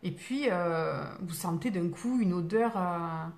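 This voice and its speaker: Woman medium chatting live on her phone, rambly, lots of euh and restarts, calm reassuring vibe. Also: lowish voice, takes it slowly. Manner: digressive, many fillers and restarts, reassuring tone. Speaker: spiritual medium hosting a live stream. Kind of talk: rambling casual live talk, answering viewer comments.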